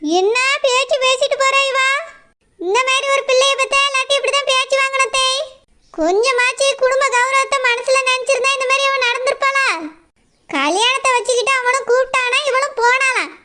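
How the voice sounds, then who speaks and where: A woman's voice: extremely high pitch, a little fast, bright, forceful tone, slight background noise. A middle-aged woman with a Kanyakumari Tamil accent, playing a village mother who sternly warns and argues back. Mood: indignant. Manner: stern, warning, indignant. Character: proud village mother defending her daughter. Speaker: mother of the runaway girl.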